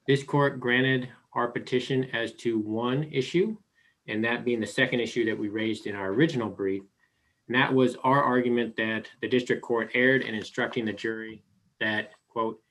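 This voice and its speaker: Low-voiced American man arguing formally. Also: a bit bright, poor audio. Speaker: defense appellate attorney. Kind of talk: formal oral legal argument.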